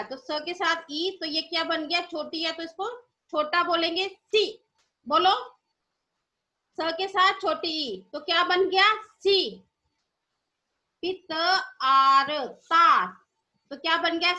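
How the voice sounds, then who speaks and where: A woman teaching young children in an online class, patiently repeating each point, checking in often and sounding out syllables slowly for them to repeat. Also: very high voice, sharp tone. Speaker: primary school teacher.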